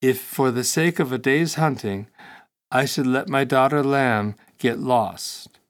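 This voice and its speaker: An indulgent old storybook king speaks to his grandson in a measured, dry, kindly tone , as a man reads him aloud. The voice stays mid-pitched and close to the narration, with little put on. Firm lines come out steady rather than loud. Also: natural voice. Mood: stern.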